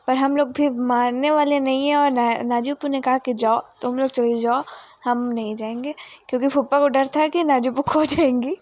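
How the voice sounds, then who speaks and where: A young woman tells a rambling family story for her vlog, dropping English words into her sentences. Her voice sits high. She sounds relaxed and chatty as she walks through the village outdoors. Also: normal speed. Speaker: vlogger. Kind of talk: casual family vlog narration.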